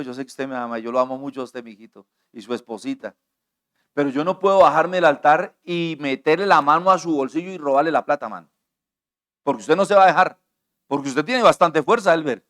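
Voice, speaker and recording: A man preaching a sermon as pastor at a church altar, impassioned, moving from hushed asides to shouting and asking the congregation questions over and over. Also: a little high. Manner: asks the congregation frequent questions.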